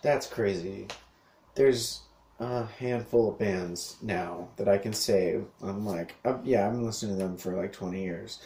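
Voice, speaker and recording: A podcast host in his thirties rambles through a solo monologue full of fillers, restarts and casual swearing. His voice is lowish and mellow, at a measured pace.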